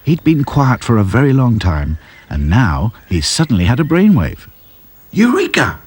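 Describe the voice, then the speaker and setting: A man narrating a children's storybook in a lively, expressive reading. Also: medium pitch, normal speed, husky.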